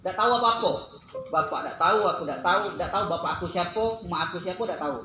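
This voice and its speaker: Animated man presenting in an echoey hall. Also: high voice, very fast, noisy background. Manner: acts out dialogues with playful voices. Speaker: workshop presenter. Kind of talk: lively seminar talk.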